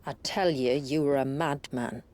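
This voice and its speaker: A woman playing a solemn, compassionate lady of authority in a video game, speaking in a measured, formal, grave way. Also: extremely low pitch, a little mellow. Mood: doubtful. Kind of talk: dramatic video game acting.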